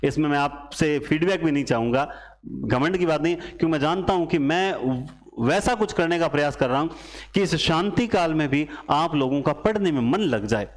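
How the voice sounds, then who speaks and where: A man's voice: fairly high pitch, lively intonation, moderate pace. A man teaching Hindi literature for an exam, who drills memory tricks by asking a question and answering it himself. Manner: recites poetry lines with feeling. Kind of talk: exam coaching lecture.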